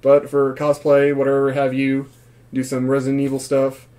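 A man's voice: mid-range voice, completely flat delivery, normal speed, mellow. A man in his thirties giving a casual vlog review in a small room. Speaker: gas mask reviewer, former Marine.

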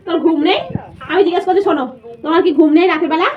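Cooing young mother, high voice. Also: steady tone, rapid-fire. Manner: sing-song, cooing and teasing. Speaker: mother talking to her little son. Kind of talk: playful baby talk at bedtime. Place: bedroom at night. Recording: dull lo-fi phone audio with background noise.

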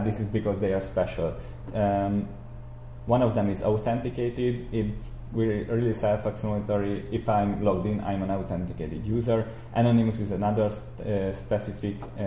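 A young adult man with a low voice and dark tone instructs in an explanatory software screencast lecture, speaking beside a screen recording indoors. The room echoes and background noise is audible.

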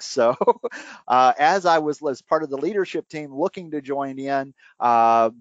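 A man's voice: mid-range voice, no room sound. A man hosts a radio finance show from his bedroom, chatty and easygoing, with plenty of uhs and small laughs. His voice sits in a middle register. The sound is dry and a little muffled. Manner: relaxed, chatty, frequent fillers and small laughs. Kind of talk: casual radio interview. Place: home bedroom. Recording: slightly dull, dry home recording.

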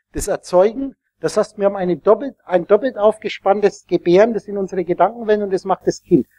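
A man with a notably high voice lectures a room full of listeners, wandering from point to point and checking whether they are following. His sound is close and dry, with almost no room echo. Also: warm tone. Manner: rambling, explanatory, asks the audience questions. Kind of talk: live teaching talk to an audience.

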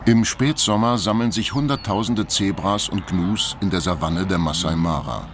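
Deep-voiced male nature documentary narrator. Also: moderate pace, noisy background.

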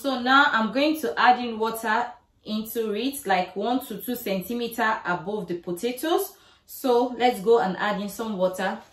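A woman's voice: a little high, moderate pace. A middle-aged woman casually explaining each cooking step to the camera in her home kitchen, recorded by a camera across the room. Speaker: cooking vlogger. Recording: echoey kitchen, faint noise.

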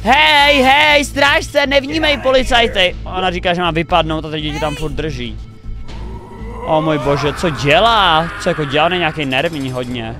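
A young man hosting a reaction video, commenting excitedly, thinking aloud and cheering the players on. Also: on the high side. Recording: faint music behind the voice.

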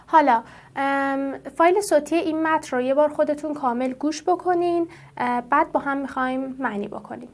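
A woman teaching French who draws out each French word slowly and asks her students questions. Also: high-pitched. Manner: slow, drawn-out pronunciation of French words; explains patiently and asks the class questions. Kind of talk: classroom-style language lesson.

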